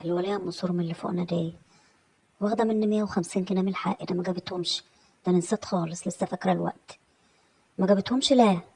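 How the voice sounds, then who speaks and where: A woman's voice: lowish voice, level tone, racing, a little mellow, husky, poor audio. A woman with an Egyptian accent in a comic inner monologue, grumbling and muttering to herself. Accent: Egyptian Arabic. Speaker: comedy sketch creator.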